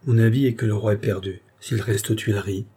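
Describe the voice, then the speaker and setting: Serious old-school advisor guy read by a man, low dark voice, calm and formal. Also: slightly rough. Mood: solemn. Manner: measured, formal, solemn. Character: grave older male royal counsellor, frank.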